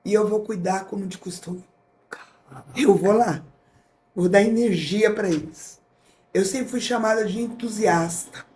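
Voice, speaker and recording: A middle-aged woman with a Brazilian accent, a podcast guest and motivational speaker, telling a personal story with lively acted-out dialogue. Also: mid-range voice, unhurried, echoey room. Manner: animated, acts out dialogue in different voices.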